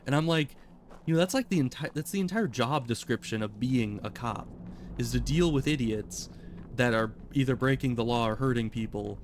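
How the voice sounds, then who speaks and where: A man's voice: mid-range voice, slight background noise. A man streaming a game, chatting casually and rambling as he thinks aloud. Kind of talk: casual gameplay commentary.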